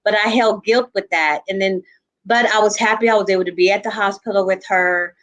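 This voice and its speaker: A woman in a group conversation, telling a painful personal story earnestly, with halting restarts and frequent asides of "you know". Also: mid-range voice, steady tone, fairly bright tone. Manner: earnest, reliving a painful memory. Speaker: panel guest.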